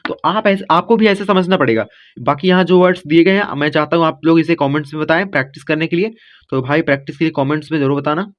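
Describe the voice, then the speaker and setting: A man's voice: a little high, fast. A man giving a casual spoken lesson to children, reassuring and repetitive, often checking with "okay". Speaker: teacher.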